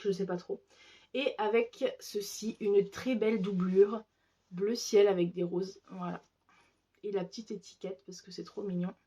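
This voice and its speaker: A woman's voice: mid-range voice, mellow. A woman chatting casually and enthusiastically as a craft vlogger, showing her handmade pouches, with lots of fillers. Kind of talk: casual show-and-tell.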